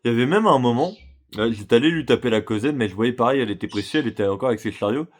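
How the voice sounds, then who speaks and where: A man's voice: medium pitch, lively intonation, very fast. A man telling a personal story in a casual, slangy way, talking straight to the listener. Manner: slangy, chatty, addresses listener directly. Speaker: vlogger.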